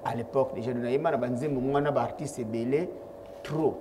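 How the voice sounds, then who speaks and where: Speaking a little fast in a medium-pitched, fairly even voice, this rapper from Kongo Central in DR Congo handles interview questions in a blend of Lingala and French. He sounds proud and assertive, calls himself by his stage name, and there's background noise.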